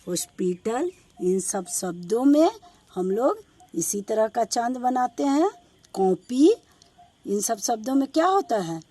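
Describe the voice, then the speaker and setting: A woman's voice: fairly high pitch, mellow. A woman teaching a grammar lesson to children. She asks them questions and answers herself, repeating each point. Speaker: school teacher. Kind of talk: slow classroom Hindi grammar lesson.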